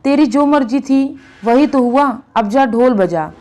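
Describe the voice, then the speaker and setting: Sulky proud young husband in a storybook reading , read by a woman, curt and irritable, voice pitched fairly high. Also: lively intonation, measured pace, dark tone. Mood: sullen.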